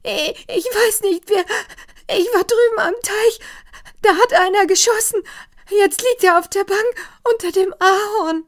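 Woman doing a wailing, terrified young maid. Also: measured pace. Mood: panicked wailing. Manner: high, loud and breathless.

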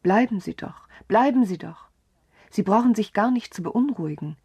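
A woman voicing a hearty, evasive middle-aged count in whispered role-play, brisk and jovial. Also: medium pitch, expressive, husky, no echo, studio quality, voice pushed up.

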